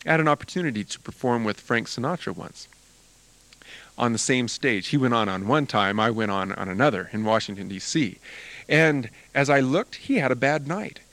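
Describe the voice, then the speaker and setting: A man's voice: medium pitch, no echo, rough recording. An older man, a music teacher, giving an earnest, encouraging talk to students about performing. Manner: earnest, encouraging, animated delivery.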